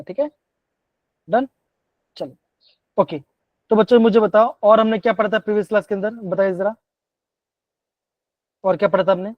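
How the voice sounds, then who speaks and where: A male chemistry teacher with a high-pitched voice leads an online class, repeatedly asking the kids to answer. The stream sounds muffled and dull, with dry audio and no echo.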